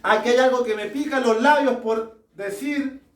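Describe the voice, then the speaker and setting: Man preaching, high-pitched, slow deliberate delivery, rhetorical questions, roomy echo, distant mic. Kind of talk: sermon. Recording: echoey room, mic far off.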